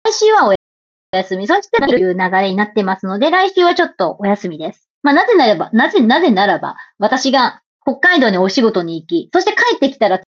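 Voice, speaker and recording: High, lively woman hosting a stream. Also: fairly quick, muffled recording. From Japan. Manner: chatty and playful, laughs often, reads comments aloud. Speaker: livestream host. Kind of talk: casual chat reading viewer comments.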